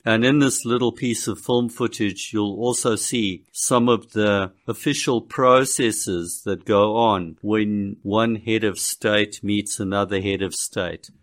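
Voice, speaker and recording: Slow, low-voiced man. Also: fairly bright tone. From South Africa. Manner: slow, blunt and emphatic. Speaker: political commentator. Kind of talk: video commentary monologue.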